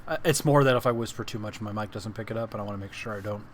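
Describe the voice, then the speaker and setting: A man with a fairly low voice runs a tabletop game as game master. He narrates scenes casually, with a little noise in the recording. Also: very fast.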